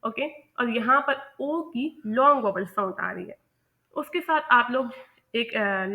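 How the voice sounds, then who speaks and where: A woman teaching English pronunciation, explaining step by step over slides and often checking in with "okay", with English terms spoken slowly and deliberately. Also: a little high, bright, forceful tone.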